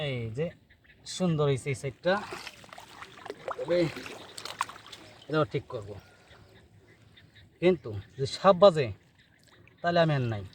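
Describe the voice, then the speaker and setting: A man's voice: on the high side, lively intonation, a little slow, pauses often, slight background noise. A man from Bangladesh, talking casually outdoors by the water while he fishes and tells the camera person where to stand. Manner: directs the camera person while handling a net. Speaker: fishing vlogger.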